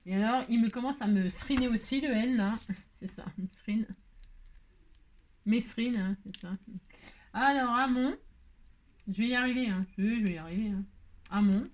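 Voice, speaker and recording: A woman's voice: a little high, moderate pace, pauses often. A woman hosting a casual card-making tutorial, chatty and self-mocking, with frequent fillers and laughs. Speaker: craft video host. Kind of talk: casual crafting tutorial chat.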